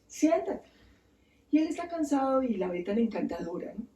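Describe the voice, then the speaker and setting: Woman author, lively storyteller at a bookstore talk, distant roomy recording. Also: a little high, fast talker. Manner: animated, acts out voices, asks the audience. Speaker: author giving a book talk. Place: bookstore event space.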